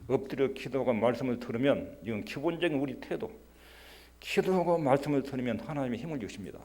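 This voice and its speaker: A male pastor giving a Sunday sermon in earnest. He acts out prayers in a quieter voice and leans hard on key words. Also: mid-range voice, expressive, fast. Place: church sanctuary.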